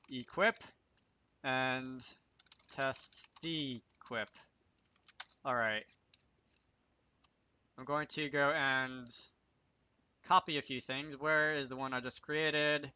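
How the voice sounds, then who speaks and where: A man hosts a casual game programming tutorial close to a desk microphone, thinking aloud, muttering, and correcting himself as he works. His medium-pitched voice sounds pushed, bright, and clean.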